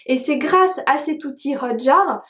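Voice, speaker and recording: A woman's voice: sits high, animated, unhurried, a bit bright, reverberant. A woman, a digital marketing trainer, explaining a web tool in a chatty tutorial with frequent hesitations.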